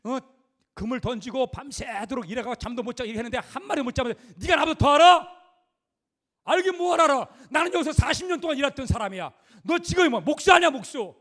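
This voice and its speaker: A man preaching puts on the voice of an exhausted fisherman shouting back in defiance. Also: very high voice, quick pace, pitched above the performer's own voice. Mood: furious.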